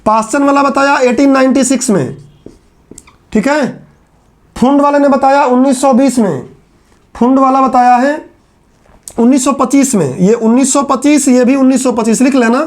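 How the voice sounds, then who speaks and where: A man with a notably high voice delivers a classroom lecture, speaking conversationally to his students. He repeats key phrases again and again to drive a point home, keeping the explanation simple and chatty. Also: fairly even intonation, moderate pace, pauses often. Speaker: teacher.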